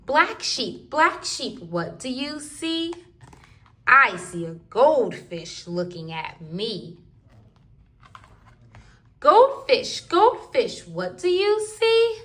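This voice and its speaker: A woman's voice: high voice, very animated, drawn-out words, fairly bright tone. A woman reading rhyming picture books aloud to toddlers in a sing-song, rhythmic way. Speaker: children's book reader.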